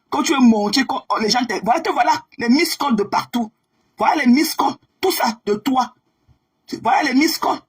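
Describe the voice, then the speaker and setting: A woman's voice: a little high, breathy edge. A woman hosting a live stream, confronting and mocking a rival in a repetitive, combative way.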